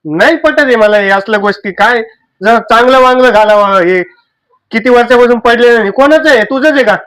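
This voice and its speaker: Casting: actor for a fussy, wheedling young husband with a very high voice. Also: male voice, fairly quick, fairly bright tone, clean tone. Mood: complaining. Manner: coaxing, wheedling pleas. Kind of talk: amateur drama acting.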